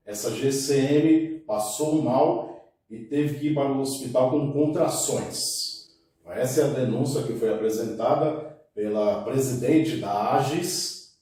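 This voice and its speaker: A man's voice: medium pitch, dark tone. A man giving spoken news commentary on a podcast panel, often tagging sentences with "né" and restarting phrases. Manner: frequent "né" tags and self-restarts. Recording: very echoey room, mic at a distance.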